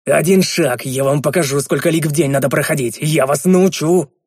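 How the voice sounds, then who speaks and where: A man voicing a stern, quick-tempered leader who barks orders. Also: a little high, a little mellow, husky, dry recording, clean studio sound. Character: gruff male leader, quick-tempered then easing.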